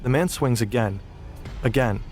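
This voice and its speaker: Man, documentary narrator, scripted, dramatic and measured, faint music underneath. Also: mid-range voice, a little mellow.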